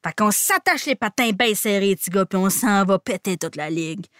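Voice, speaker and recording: A woman with a Québécois accent hosting a comic recap podcast, slangy and animated, playing a mock hockey coach. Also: mid-range voice, normal speed, dry recording, clean studio sound. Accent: Québécois French. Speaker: podcast host recapping a TV series.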